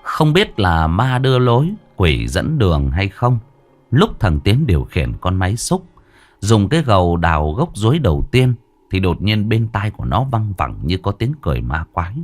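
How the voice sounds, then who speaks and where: Expressive male ghost-story narrator. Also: lowish voice, moderate pace, soft background music. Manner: dramatic, expressive.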